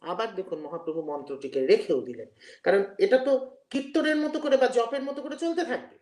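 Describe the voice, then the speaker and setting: A man's voice: sits high, animated, fairly quick, a little mellow. A man giving an academic lecture, explaining at length and sometimes chanting verses in a rhythmic way. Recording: roomy echo.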